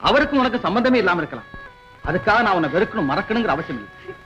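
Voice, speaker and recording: A young film hero with a high, lively voice, gentle and persuasive as he pleads. The dull, muffled sound of a 1960s film soundtrack carries a clear music score behind him. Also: fast talker. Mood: tender. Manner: pleading, emotional dialogue delivery. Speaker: hero of a family film drama. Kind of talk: 1960s Tamil film acting.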